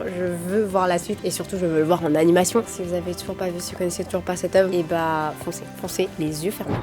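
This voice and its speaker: A woman's voice: medium pitch, a little mellow. A young woman vlogger chatting casually and enthusiastically about manga, using informal slang. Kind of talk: casual manga review vlog. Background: background music.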